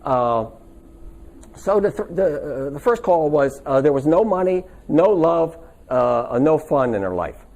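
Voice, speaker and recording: A man leads a live stress-relief seminar with a lively voice that rises and falls widely. He pitches a little higher than most men and keeps it chatty, full of stories and quick check-ins with the room. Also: vocal fry. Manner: chatty, anecdotal, asks the audience for agreement. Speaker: stress workshop teacher. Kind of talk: casual live seminar talk.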